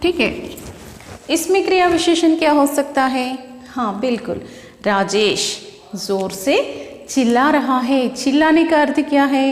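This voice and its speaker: A woman's voice: high voice, expressive, normal speed. A woman teaching a lesson, mixing two languages as she explains and asks and answers her own questions. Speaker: Hindi teacher. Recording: echoey room with long reverb.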